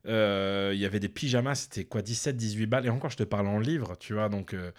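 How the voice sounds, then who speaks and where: A man's voice: lowish voice, fast. A man co-hosting a podcast, chatting casually and telling anecdotes with frequent laughs and restarts. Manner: lively storyteller, laughs often, many restarts. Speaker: podcast co-host. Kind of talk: casual chat.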